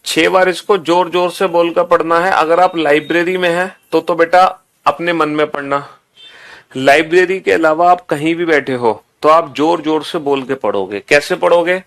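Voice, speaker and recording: A man teaching an online exam-prep lesson, drilling students slowly and repetitively, calling them beta. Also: fairly high pitch, fairly bright tone.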